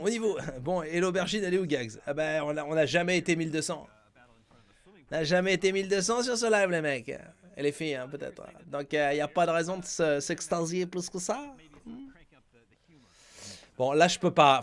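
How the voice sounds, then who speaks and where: A man hosting a live stream, talking casually to his chat. His voice sits a little on the high side. He jokes, teases and plays up a mock-grandiose manner. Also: a bit bright. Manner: joking, theatrical, mock-grandiose banter with chat. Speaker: streamer commenting a live game show.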